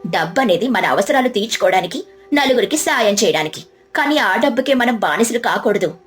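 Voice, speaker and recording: A woman's voice: on the high side, expressive, brisk, faint music behind, lightly acted. A woman voicing a clever young housewife who reasons firmly. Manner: firm and reasoning.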